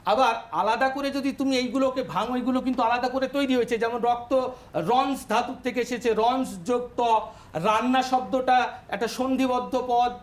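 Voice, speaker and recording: A man teaching a televised lesson to young pupils, explaining slowly step by step and often pointing them to what he has written. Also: very high-pitched. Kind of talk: televised classroom lesson for children. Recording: echoey studio room.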